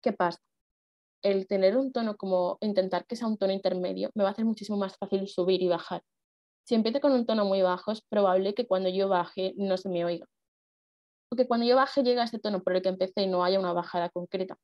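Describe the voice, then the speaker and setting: A woman leads a public-speaking workshop in a relaxed, conversational way. She fills her explanations with small pauses and rhetorical questions. The sound is dry and a bit dull. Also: mid-range voice, dry recording. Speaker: speech workshop instructor and speech judge.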